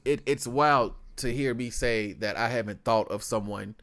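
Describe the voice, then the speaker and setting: A man hosts a casual podcast. His voice sits at a medium pitch. He talks informally, with slang and an animated delivery. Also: normal speed. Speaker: podcast host.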